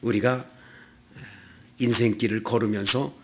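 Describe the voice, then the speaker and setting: A man preaching a Sunday sermon as pastor, animated and acting out the people in his stories. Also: on the low side, a little slow. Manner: animated preaching, acting out quoted customers in character. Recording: tinny, phone-like church video audio.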